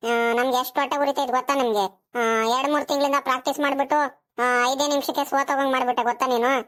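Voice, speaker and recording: A woman's voice: sits high, fairly even intonation, fast, a bit bright. Woman voicing a whiny cartoon schoolboy. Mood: complaining. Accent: rural Karnataka Kannada. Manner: complaining, whiny. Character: young schoolboy Sunil, sulky class leader. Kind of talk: cartoon voice acting.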